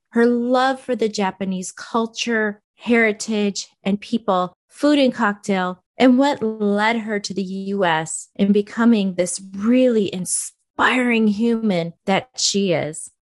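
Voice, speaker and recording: A woman's voice: mid-range voice, slow pace, hardly any pauses, no room sound. A woman hosting a podcast, introducing a guest in an upbeat, welcoming way. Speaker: podcast host. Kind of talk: podcast interview.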